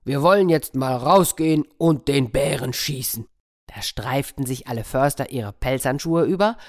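A man reads a story to children, playful and lively, often turning to his listeners with little asides. His voice sits at a middle pitch and is recorded close and dry, with no room sound. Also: no room sound.

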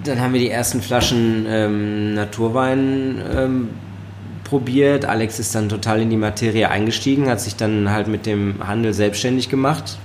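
Relaxed and chatty, a chef-sommelier from Germany's Ruhr area tells tales in a podcast interview at a normal pace. His voice is lowish, laughter comes easily, and fillers abound; a little hiss or hum is audible.

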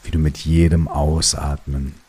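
A man narrating a guided relaxation sleep story in a calm, soothing way, with long pauses between short phrases. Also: extremely low pitch, husky. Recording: steady rain noise behind the voice. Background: rain.

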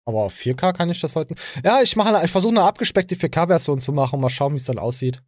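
A man's voice: fairly high pitch, lively intonation, quick pace, darkish tone, dry recording, clean studio sound. A young man with an East German accent hosting a casual podcast, ranting crudely and mockingly. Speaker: podcast host.

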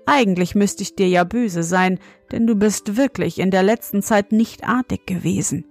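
A woman as a gentle, kindly queen of sleep. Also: mid-range voice, moderate pace, faint music behind, close to an everyday voice. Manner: soft, calm and warm scolding.

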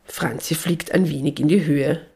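A woman narrating a children's Christmas story in a calm, gentle way. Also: low-pitched, moderate pace, creaky, slightly rough.

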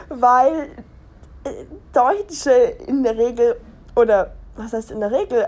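A young German woman with a slightly high, somewhat mellow voice rambles through a casual podcast monologue. As host she's giggly and talkative, frequently interrupting herself mid-thought.

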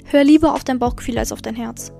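A woman's voice: fairly high pitch, quick pace, vocal fry, dark tone, faint music behind. A young woman hosting a podcast, candidly telling a personal story and giving blunt advice straight to her listeners. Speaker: podcast host.

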